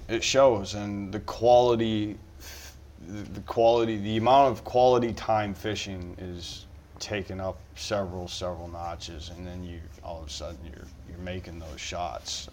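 A man's voice: low voice, fairly even intonation, normal speed, darkish tone, a little hiss or hum. A middle-aged man, a fishing guide, talking casually on a podcast, rambling with many restarts.

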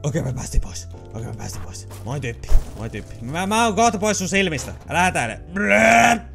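A man giving casual, excitable commentary while playing a video game, swearing, yelping and slipping into English phrases. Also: medium pitch, creaky, soft background music. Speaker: let's play gamer.

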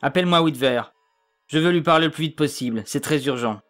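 A man's voice: fairly high pitch, fairly quick, a bit bright, faint music behind, close to an everyday voice. A man voicing a tense police commissioner who gives urgent, clipped orders in an audiobook.

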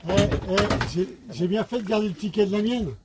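A man on a fishing boat at sea, encouraging his friend with quick remarks while the fish is brought in. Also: high voice. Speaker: angler on the trip. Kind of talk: casual chat. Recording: distant voice over loud boat noise.

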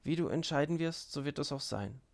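A stormy, passionate young woman from a classic novel, spoken by a male reader with a gravelly voice who barely shifts it. she broods and taunts by turns, in a measured audiobook delivery. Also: a little high.

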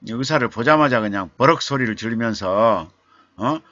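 A man hosts a live-streamed literature talk and tells a story at an unhurried pace, filling pauses and posing rhetorical questions. His voice sits low but sounds forceful and tense. The audio is dry and muffled, as from a lo-fi streaming mic. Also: animated, no echo. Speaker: literature talk show host.

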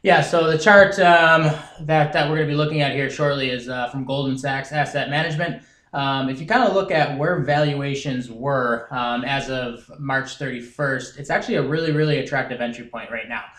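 Casting: earnest young research analyst, lots of um's, echoey room. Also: male voice, mid-range voice, normal speed, fairly bright tone. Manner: earnest, many "um" fillers. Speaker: director of research. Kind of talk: explaining market data. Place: wood-paneled conference room. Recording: roomy conference room echo.

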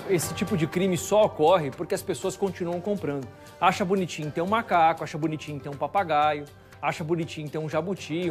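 A male news anchor with a Brazilian accent, commenting in a conversational, indignant way in a TV studio, asking rhetorical questions. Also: high voice. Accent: Brazilian Portuguese.

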